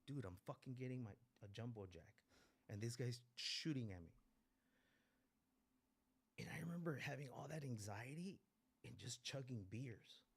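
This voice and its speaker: His voice sits mid-range with a breathy edge, expressive and at normal speed but punctuated by long pauses. A Mexican-born man in his forties raised in East Los Angeles, he gives blunt, profane testimony as a recovery meeting's guest speaker, repeating phrases for emphasis.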